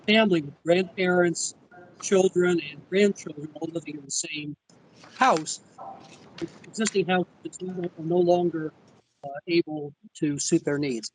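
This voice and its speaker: A man presenting as an architect to a zoning board over a remote call connection that breaks up, speaking haltingly with many fillers. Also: on the high side, a little mellow, slight background noise, rough recording. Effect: remote call audio, breaking up.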